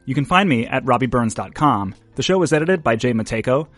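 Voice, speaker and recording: A man hosting a podcast, talking in a relaxed, easy-laughing way, then closing the show. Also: mid-range voice, brisk, no room sound, faint music behind. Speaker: podcast host. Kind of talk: casual podcast chat and outro.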